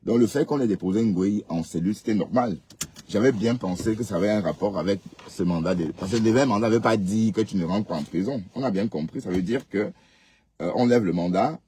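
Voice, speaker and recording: Man hosting a livestream, deep husky voice, lectures viewers, "hein?" tags. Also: a little fast, dark tone. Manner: scolding, rhetorical questions with tag "hein". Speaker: live stream host. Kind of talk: casual live commentary reading comments.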